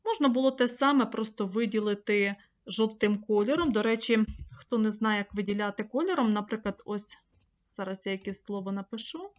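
A woman's voice: mid-range voice, brisk. A woman trainer teaching an online course, explaining a screen-share tutorial step by step and addressing viewers directly. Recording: slightly dull lo-fi mic.

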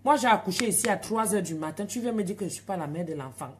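A woman's voice: lowish voice, animated, fast talker, a little mellow, slight background noise. A woman with an African French accent, telling stories and chatting straight to her viewers on a casual live stream from home at night.

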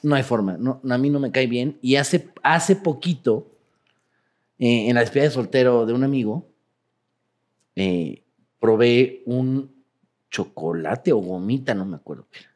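A man with a Mexican accent, telling profane, animated stories as a guest in a casual interview. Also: medium pitch, a little slow, pauses often. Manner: profane, animated, laughing while telling anecdotes.

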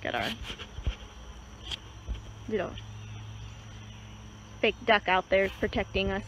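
A woman's voice: medium pitch, slow, poor audio. A woman acting as a nature guide, giving a casual, chatty explanation with many fillers, outdoors beside a pond. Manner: relaxed, chatty, many fillers and hedging words. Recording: outdoor recording with clear insect and cricket noise. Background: crickets and insects in a rural setting.

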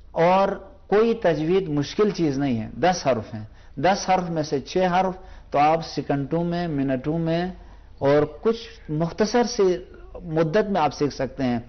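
A man teaching Quran recitation on a televised lesson, patiently explaining pronunciation and repeating each sound slowly as a demonstration. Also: fairly high pitch, expressive, dull audio.

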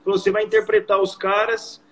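A young man in his twenties with a Brazilian accent, telling a story as a guest in a casual, slangy, animated way. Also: sits high, a little fast, slight background noise, poor audio. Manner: slangy, animated, peppered with "mano" and "velho". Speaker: guest preacher.

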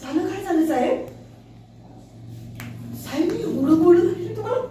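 A flustered young wife scolds and frets in a high, piercing voice, as a woman acts her out for a TV serial. She talks loudly, half-laughing as she panics. The sound is boomy and distant, caught from across a big echoing room. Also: lively intonation, normal speed, a little hiss or hum. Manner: shrill, agitated, half-laughing. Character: flustered, loud young woman in a household drama. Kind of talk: rehearsing a TV serial scene. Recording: echoey room from far off.

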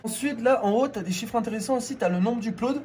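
A man's voice: very high voice, quick pace, a little mellow, slight background noise. A man from France, a YouTuber co-host, casually explaining things to his viewers with many restarts and fillers.

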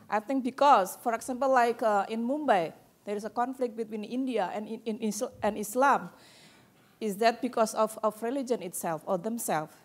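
A woman from Indonesia with an Indonesian accent, asking a panel a question and hesitantly searching for her words. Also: on the high side. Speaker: audience member asking a question.

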